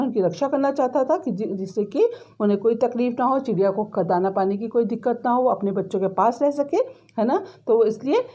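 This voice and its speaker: A woman's voice: fairly high pitch, warm tone, highs cut off. A woman teacher, reading a story to students, then retelling each line in simple words with frequent tag questions. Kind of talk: explaining a story lesson.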